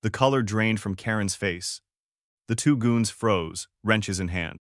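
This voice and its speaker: Low-voiced man narrating a story. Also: unhurried, no echo, clean studio sound. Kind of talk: first-person story narration.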